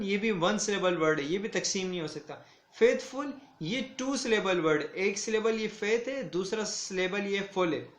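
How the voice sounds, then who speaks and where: Male schoolteacher, fairly high voice, slow deliberate drilling of words; echoey room. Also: a bit bright. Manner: slow, deliberate word-by-word reading and repetition. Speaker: school English teacher. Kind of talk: online classroom lesson.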